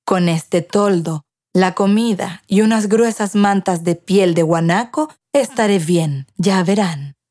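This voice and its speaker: Old grandmother voiced by a woman narrator: stubborn, tired, firm, speaks low and steady. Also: takes it slowly, dry recording, clean studio sound, lightly acted. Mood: calm, firm.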